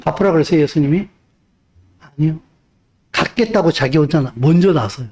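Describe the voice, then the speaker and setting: Swinging from loud urging to quiet speech, this male preacher presses the congregation with rhetorical questions during his sermon. He speaks at a fairly high pitch and a little quickly.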